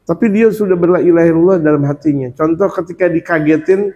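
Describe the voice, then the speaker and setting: A fairly high-voiced man preaches a Ramadan sermon, switching between casual, joking talk and long runs of chanted devotional phrases. His tone is dark and mellow. The recording is dull and lo-fi. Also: fast. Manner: repetitive chanting of dhikr phrases; lively, colloquial with humorous asides.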